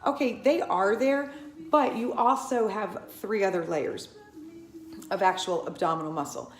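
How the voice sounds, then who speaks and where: In this casual vlog, a Pilates instructor of around fifty talks to camera in a chatty, meandering style, often starting over and wandering off on tangents. Her voice sits in the middle range and moves a little slowly, with an echo from the room.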